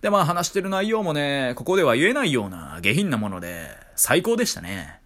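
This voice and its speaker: A man's voice: on the high side, sing-song, fairly quick, a bit bright. A man with a Kansai accent, a streamer telling a casual story in a chatty, wry way, full of fillers.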